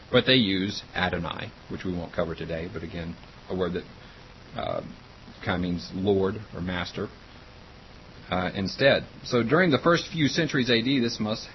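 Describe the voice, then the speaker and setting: A man teaching an informal Bible lesson, explaining words plainly, spelling some out and reading passages aloud. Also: deep voice. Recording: slightly dull recording with faint hiss.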